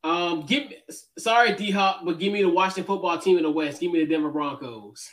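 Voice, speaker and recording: Guy with a high voice hosting a sports podcast, laid back, lots of ums. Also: a little fast, a bit bright. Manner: easygoing, loose, many fillers and restarts. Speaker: podcast host. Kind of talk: casual sports picks chat.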